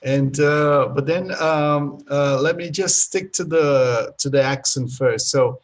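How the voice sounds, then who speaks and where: A man's voice: a little high, slow pace, a little hiss or hum. A man from Brazil, an English teacher, hosting a friendly chat on a video call with some hesitant restarts.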